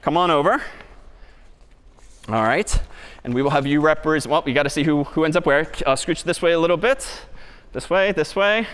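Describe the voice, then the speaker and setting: Male lecturer with a high voice, upbeat and engaging, recorded in a reverberant lecture hall. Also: normal speed, long pauses, smooth. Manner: lively, questioning the audience. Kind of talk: university lecture. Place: large lecture hall stage.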